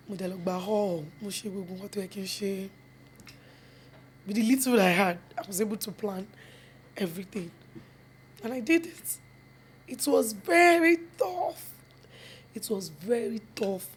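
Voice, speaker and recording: On the high side, this woman's voice comes with a little background noise. She's a young Nigerian actress and film producer with a Yoruba accent, answering an interview earnestly, shifting between English and Yoruba mid-sentence and repeating phrases for emphasis.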